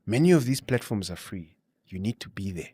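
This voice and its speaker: This Namibian man, an interview guest, gives advice and tells stories conversationally, leaning often on "you know" and "you see." His voice sits on the low side, dark and husky, and he talks briskly and very animatedly. The clean studio recording has no room sound.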